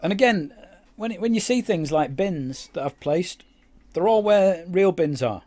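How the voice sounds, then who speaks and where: A man's voice: high voice, animated, a little slow, darkish tone. Chatty man narrating gameplay. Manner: rambling, chatty, lots of fillers and restarts. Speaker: game YouTuber. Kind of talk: casual gameplay commentary.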